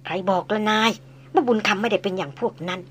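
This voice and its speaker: A woman's voice: mid-range voice, fast, husky, natural voice. A woman voicing a blunt, jovial old male jungle hunter who talks in coarse folksy speech. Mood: worried confiding.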